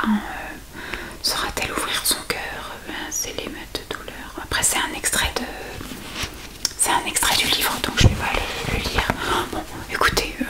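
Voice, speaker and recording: Whispering woman, ASMR book chat. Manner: soft, hushed library-like whisper throughout; unhurried, reads blurbs aloud between casual remarks. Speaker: ASMR host showing books.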